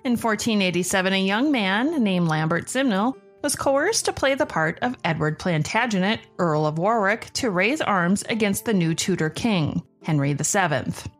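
A woman's voice: mid-range voice, animated, normal speed, few pauses, soft background music. A woman hosting a podcast, reading scripted narration. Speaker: podcast host.

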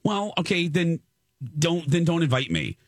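A man co-hosting a radio call-in show, giving firm opinions in a casual, animated way. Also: a little high, a little slow, dry recording, clean studio sound. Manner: animated, opinionated, many restarts. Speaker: radio co-host.

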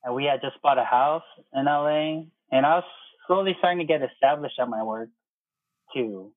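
An air traffic controller in his thirties, appearing as an interview guest, casually recounts his own story and retells conversations in quoted speech. His voice sits on the high side at a normal speed, with no echo, though the line sounds muffled like a phone.

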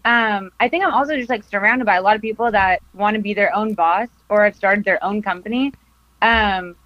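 A woman's voice: medium pitch, a little fast, dry recording. Young woman, casual interview chat, giggly, lots of likes, dull lo-fi, dry. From Costa Mesa, California. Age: 20s. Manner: chatty, laughs often, many likes and ums. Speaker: podcast guest, film photographer.

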